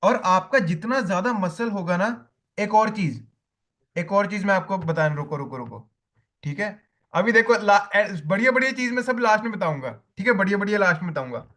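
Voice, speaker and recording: A man's voice: high voice, expressive, moderate pace, bright, forceful tone. A man teaching a diet lesson to coaches, repeating key points and telling listeners to write them down.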